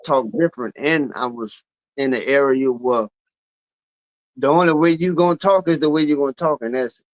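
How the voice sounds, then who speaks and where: A man in his forties with a Louisiana accent, a guest telling stories in a relaxed, drawling way during a casual chat. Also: mid-range voice, moderate pace, dry recording, poor audio. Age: 40s.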